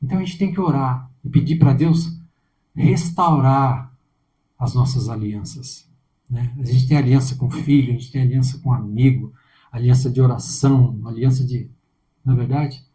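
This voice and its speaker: A man's voice: mid-range voice, moderate pace, mellow, rough recording. A man preaching a conversational sermon in a Brazilian Portuguese accent, often checking in with his listeners through tag questions.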